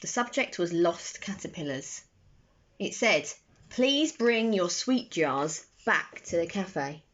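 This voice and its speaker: This is a young adult woman telling a bedtime story to children, slow and expressive with animated emphasis. Her voice has a fairly low pitch. Recorded indoors in a bedroom on a phone at arm's length, it sounds slightly dull.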